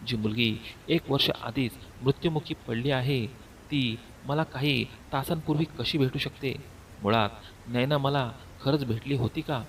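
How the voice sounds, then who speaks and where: A man narrating a first-person horror story in a steady, unhurried way. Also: mid-range voice. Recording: slightly distant mic, faint background noise.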